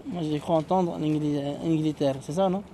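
A man's voice: fairly high pitch, fairly even intonation, noisy background. Man teaching, quizzing his class. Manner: patient, quizzing students with quick questions. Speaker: Arabic teacher. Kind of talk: classroom lesson.

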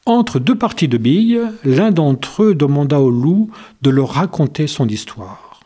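A man narrating a children's tale in a gentle, measured reading. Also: fairly high pitch, animated, husky. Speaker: storyteller. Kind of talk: storybook narration.

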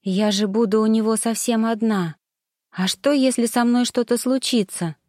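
A woman's voice: fairly high pitch, normal speed, darkish tone, no echo, clean studio sound, natural voice. Woman voicing an anxious young mother-to-be. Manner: emotional, tearful, then resolute. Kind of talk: audiobook character voice.

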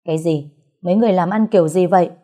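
A woman's voice: fairly low pitch, normal speed, breathy edge. A woman voicing a middle-aged male general, a stern father broken by grief. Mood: angry. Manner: shouting then weeping.

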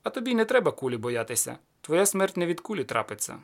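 A man voicing a calm, teasing cossack sorcerer in an audiobook, raised and loud when he dares his guest. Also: a little high, quick pace, vocal fry, exaggerated voice. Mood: mocking.

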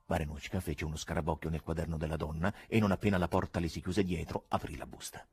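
A man reading a novel aloud as an audiobook narrator, in an expressive, theatrical manner. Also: very deep voice, fast, breathy edge, no echo. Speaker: audiobook reader. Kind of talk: scripted literary narration.

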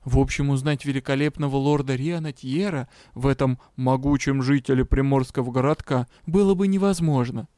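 Brief: male audiobook narrator, resonant clear voice, close dry studio sound. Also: mid-range voice, brisk, hardly any pauses, mellow, dry recording. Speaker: audiobook reader. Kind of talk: fantasy novel narration.

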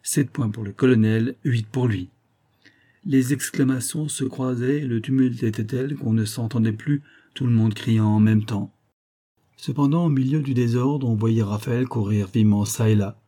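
Husky-voiced male audiobook narrator. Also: medium pitch, moderate pace, dark tone. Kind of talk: scripted narration.

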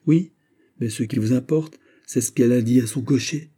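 A man voicing an anxious, hurried secretary in an audiobook reading, speaking with excited urgency. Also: mid-range voice, husky, voice pushed up, close to an everyday voice. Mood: agitated.

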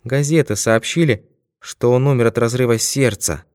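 A man reading an audiobook, voicing a young woman who cries out accusations in a shrill, raised voice. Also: moderate pace, a little mellow, clean tone, no room sound, clean studio sound, close to an everyday voice. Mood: accusing shrill. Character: young woman, frightened then defiant.

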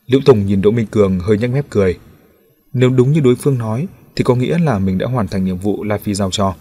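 Male audiobook narrator, low, husky tone, steady delivery. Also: fast talker. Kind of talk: scripted novel narration.

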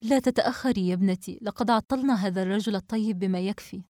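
A woman's voice: medium pitch, fast, warm tone, no echo, clean studio sound, natural voice. A woman reading a novel aloud, voicing a practical, kindly middle-aged mother. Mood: motherly.

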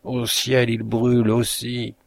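A man's voice: medium pitch, completely flat delivery, slow, gravelly, dry recording. A man voicing a grief-maddened widow who relives a fire, crying out in frantic anguish, in a storybook reading.

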